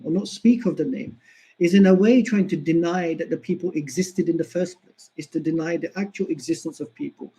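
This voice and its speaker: Over poor audio, a man with a slightly high, mellow voice delivers an earnest history lecture. He explains his points and hammers them home through emphatic repetition.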